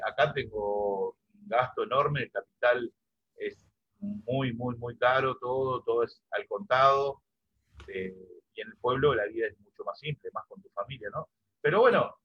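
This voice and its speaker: A husky middle-aged man with an Argentine accent tells stories in an animated, conversational way as an interview guest. His voice comes through a dull, lo-fi video-call line. He speaks at an ordinary mid pitch. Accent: Argentine Spanish (rioplatense voseo). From Argentina, Santa Fe. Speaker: musician and music teacher guest.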